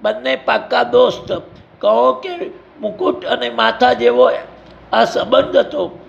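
High, gravelly male storyteller. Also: fairly even intonation, slow. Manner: vivid, emphatic storytelling. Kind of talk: dramatic story narration. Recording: dull lo-fi recording.

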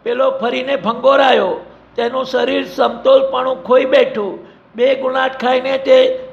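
A man's voice: very high voice, steady tone, measured pace, creaky. A man narrating an adventure story in a vivid, emphatic storytelling manner. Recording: dull lo-fi recording.

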